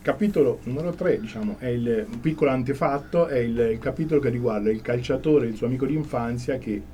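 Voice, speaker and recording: An author reads his own prose aloud in an earnest, steady voice. His pitch sits in the middle of the male range. There is faint noise behind him. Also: quick pace. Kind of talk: reading from his own book, then chatting.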